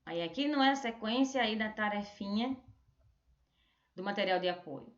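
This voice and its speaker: A Brazilian woman teaching a remote lesson, drawing out words slowly to show stressed syllables. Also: mid-range voice, expressive. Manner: slow, drawn-out word modelling with stressed syllables. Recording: echoey room, dull lo-fi sound.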